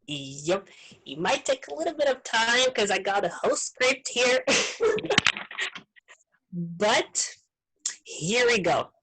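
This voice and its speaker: A woman in a casual online chat who talks in a relaxed way and laughs easily. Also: medium pitch, takes it slowly, long pauses, heavy background noise. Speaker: meeting participant. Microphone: video call.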